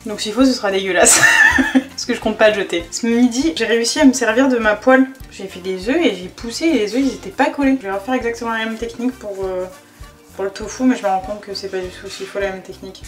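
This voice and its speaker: A woman's voice: on the high side, fast talker, faint music behind. A young woman in her twenties vlogging at home, frank and self-mocking, chatting freely with lots of fillers. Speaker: lifestyle vlogger. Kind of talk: candid chatty vlog talk.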